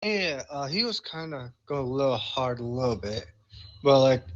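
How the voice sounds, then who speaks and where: A man in roleplay voice chat, speaking in a halting, hesitant way. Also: medium pitch, animated, lo-fi sound.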